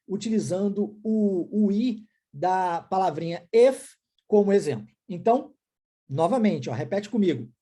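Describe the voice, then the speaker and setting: Brazilian man, English teacher, warm husky voice, energetic drilling delivery. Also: high-pitched. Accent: Brazilian Portuguese. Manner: energetic, repeats words slowly for drilling. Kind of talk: online language lesson.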